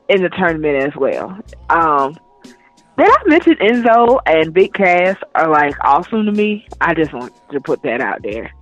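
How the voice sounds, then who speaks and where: A woman co-hosting a casual wrestling chat, talking in an animated, emphatic way. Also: on the low side, dry recording. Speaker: podcast co-host. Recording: dry, muffled lo-fi with faint music.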